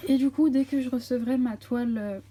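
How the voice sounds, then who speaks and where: A woman talks casually as a vlogger. Her fairly high voice is mellow but slightly hoarse, as if strained by a sore throat. She rambles and interrupts herself as she goes. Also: steady tone, brisk, a little hiss or hum. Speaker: vlogger on a craft channel. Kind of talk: casual vlog chat.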